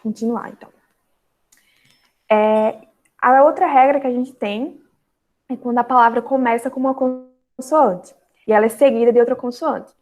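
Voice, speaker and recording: A young woman with a Brazilian Portuguese accent teaching an online grammar lesson, explaining step by step and slowly spelling out syllables, with frequent fillers. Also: fairly high pitch, fairly even intonation, darkish tone.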